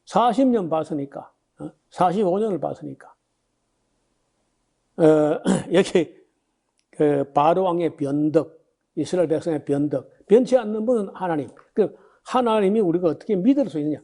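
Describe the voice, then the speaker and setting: A man's voice: fairly high pitch, normal speed, dark tone. A man in his sixties, a pastor giving a Bible lecture, talking in a conversational way with many fillers and rhetorical questions, and reading scripture aloud before he explains it. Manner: reads scripture passages aloud then explains. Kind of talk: sermon-style Bible lecture.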